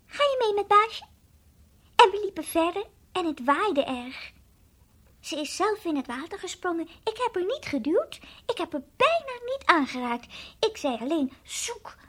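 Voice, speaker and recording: A woman voicing a timid, childlike toy dog in an old radio play, earnest and confiding, sometimes whispering. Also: exaggerated voice. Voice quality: high childlike voice, drops to whispers. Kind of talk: 1960s radio drama acting.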